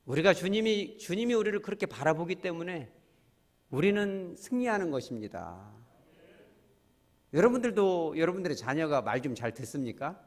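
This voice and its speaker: A man preaching a sermon as pastor, animated, acting out quotes and often speaking to the congregation. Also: on the high side, moderate pace.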